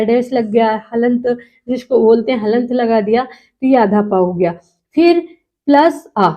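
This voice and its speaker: A woman teacher giving a lecture, asking the class questions and answering them herself, and stretching out key words for emphasis. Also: fairly high pitch. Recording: muffled lo-fi recording.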